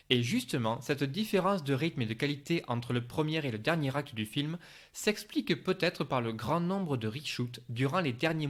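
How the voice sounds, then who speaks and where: A man's voice: on the high side, fairly bright tone. A man reading a scripted film review as a voice-over narration.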